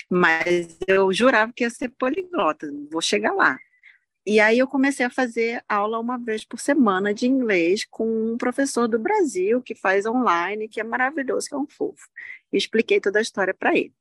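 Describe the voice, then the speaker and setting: A young adult woman from Rio de Janeiro with a Carioca accent, a lively guest telling stories on a video call from a park and laughing often. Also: a little high, moderate pace, dry recording, studio quality. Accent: Carioca Brazilian Portuguese. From Rio de Janeiro, Brazil. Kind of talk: casual chat, anecdotes. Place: outdoors in a park.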